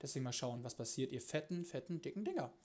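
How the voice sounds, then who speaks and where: A young man chatting casually on a live stream from his home kitchen, slangy and crude, swearing freely and swinging between mumbles and loud bursts. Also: medium pitch, fast talker. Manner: excitable, jumps between mumbling and loud outbursts.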